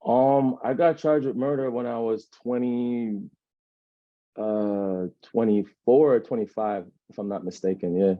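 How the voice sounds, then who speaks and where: Here a man in his thirties tells his story in a sit-down interview, his Jamaican accent clear and his mid-range voice steady at a measured pace. He wanders loosely, frequently adding "you know what I'm saying". The dull lo-fi recording has no echo.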